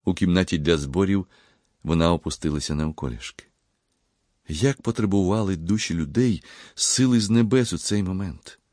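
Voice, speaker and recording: A man reading a story aloud as a narrator, in measured, even storytelling. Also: low-pitched, no room sound, studio quality. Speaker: audiobook narrator. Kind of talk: scripted narration.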